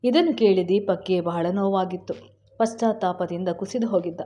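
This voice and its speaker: A woman reading a family drama story aloud in a steady storybook manner. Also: mid-range voice, moderate pace. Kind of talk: scripted narration.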